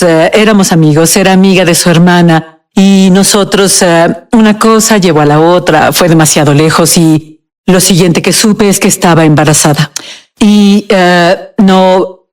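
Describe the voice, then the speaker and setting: A woman giving a halting, emotional personal testimony as a guest in a TV interview. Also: on the low side, a little mellow.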